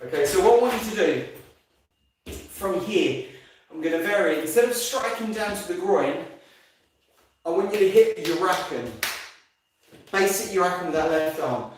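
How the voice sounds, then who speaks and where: Echoey, higher-pitched man teaching karate. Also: animated, normal speed, pauses often. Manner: instructional, clipped commands between explanations. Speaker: karate instructor. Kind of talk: live martial arts class instruction with counted commands. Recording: very echoey room, far from mic, faint noise.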